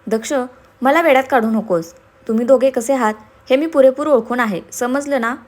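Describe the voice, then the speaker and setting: A woman's voice: sits high, normal speed. An impatient, protective young man who scolds and questions, voiced by a woman narrating a storybook. His tone is exasperated and pressing.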